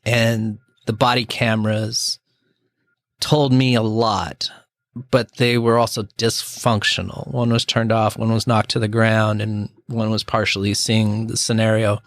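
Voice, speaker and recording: A man's voice: fairly low pitch, level tone, measured pace, a bit bright, dry recording, clean studio sound. A man hosting a conversational podcast, chatty and opinionated, asking long, winding questions of his guest. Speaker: podcast host. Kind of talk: conversational interview.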